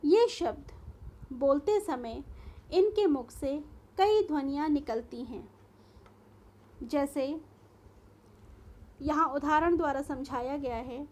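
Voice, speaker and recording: A woman's voice: high voice, slow, pauses often, darkish tone. A woman teacher giving a recorded school lesson, explaining carefully and spelling out sounds one by one.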